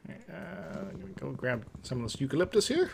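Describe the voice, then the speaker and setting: A man's voice: high-pitched, sing-song, fairly quick, gravelly, noisy background. A man chatting casually in a playful, joking way as he plays a game. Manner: playful, jokey. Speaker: co-host of a gaming video series. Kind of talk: casual chat while gaming.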